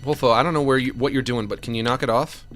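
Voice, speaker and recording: A man's voice: mid-range voice, steady tone, fast talker, a bit bright, soft background music. A man hosting a let's play, joking and talking to himself as he goes, easily startled by the game. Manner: jokey, easily startled, talks to himself while playing. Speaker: gaming channel host.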